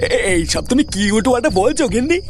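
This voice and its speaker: A man's voice: extremely high pitch, sing-song, fast. An actor voicing a lazy, hungry middle-aged husband in a cartoon, pleading and whining at his wife. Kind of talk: Bengali cartoon dub.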